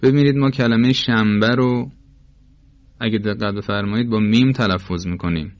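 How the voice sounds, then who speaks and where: A man teaching a lesson, explaining step by step in a patient, formal and methodical manner. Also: lowish voice. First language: Persian. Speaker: Quran recitation teacher. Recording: dull lo-fi recording.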